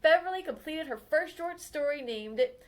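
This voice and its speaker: Here a high-voiced female librarian performs a picture book biography for children. Expressive and storytime-ready, she draws out the exciting parts by slowing her pace.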